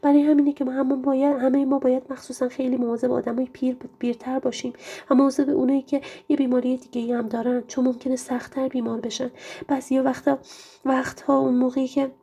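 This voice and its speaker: A woman voicing a gentle, wise fantasy creature in a storybook reading, speaking in a soothing, reassuring way with some restarts. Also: high voice, little pitch movement, slightly rough.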